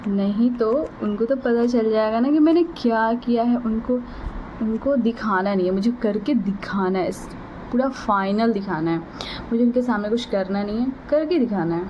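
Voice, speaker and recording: A woman's voice: on the high side, normal speed, muffled recording, slight background noise. A young adult woman chatting casually through a vlog, explaining each step as she does her makeup. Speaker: vlogger mother.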